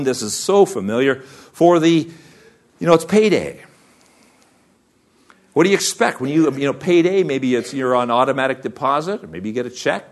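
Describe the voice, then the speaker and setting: Animated man preaching a sermon. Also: a little high. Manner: animated, rhetorical questions to the congregation. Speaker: pastor.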